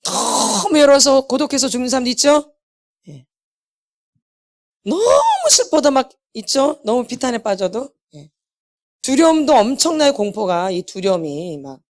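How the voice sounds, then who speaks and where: A woman delivers a sermon at a healing meeting, her fairly high voice rising and falling with lively swings. She keeps repeating key phrases for emphasis and tosses questions to the congregation before answering them herself. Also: moderate pace. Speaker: healing ministry lecturer.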